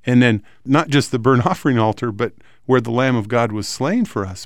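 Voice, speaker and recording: A man's voice: mid-range voice, a little mellow, no echo, studio quality. A man hosting a Bible discussion, enthusiastically quoting and explaining scripture. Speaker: radio show host. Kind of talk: conversational Bible teaching.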